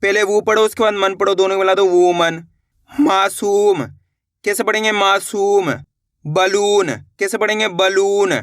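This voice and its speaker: A man's voice: high voice, little pitch movement, unhurried, a bit bright, no room sound. Male teacher, patient spoken lesson, stretches long vowels, repeats every word, dry close sound. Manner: repeats each word after "how will we read it?". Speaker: Hindi reading teacher.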